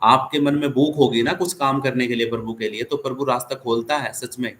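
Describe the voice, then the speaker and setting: A man's voice: medium pitch, fairly even intonation, fairly quick, a bit bright, a little hiss or hum. A man who is a pastor, giving earnest, encouraging counsel to a caller on an online meeting, often checking in with his listener. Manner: earnest, encouraging, many tag questions. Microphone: video call.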